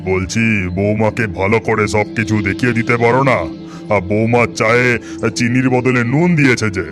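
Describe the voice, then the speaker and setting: Picture a grumpy older father-in-law in a cartoon, as a man acts him out, spluttering and calling out loudly. Music plays behind his voice. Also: fairly low pitch, steady tone, normal speed, lightly acted. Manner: loud and complaining.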